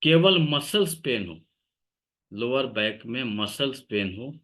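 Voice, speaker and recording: A man teaching an acupressure class, listing points and symptoms in a slow, steady instructive tone. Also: mid-range voice. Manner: dictates point names slowly, steady instructive tone. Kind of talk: online class lecture.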